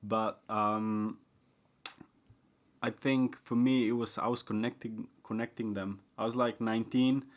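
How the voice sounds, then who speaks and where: A young adult man chats unhurriedly as a podcast guest, rambling, repeating himself, and often restarting with "like" and "uh." His pitch swings widely, jumping high when he gets excited and dropping to a quiet, low mumble when he grows thoughtful.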